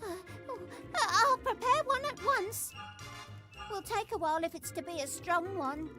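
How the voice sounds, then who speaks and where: Very high-pitched, jumpy potion maker. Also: female voice, very animated, moderate pace, sharp tone, faint music behind, exaggerated voice. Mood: flustered. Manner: fretful, exclamatory, clipped word-by-word dismissals. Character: jumpy, flustered, stubbornly skeptical woman who brews potions. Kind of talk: acted adventure game dialogue.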